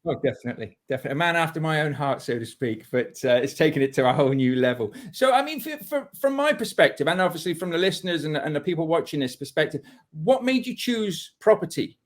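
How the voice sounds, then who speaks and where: A man's voice: on the high side, expressive, quick pace. A man hosting a podcast interview, introducing his guest with effusive, enthusiastic praise. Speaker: podcast host. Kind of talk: casual interview.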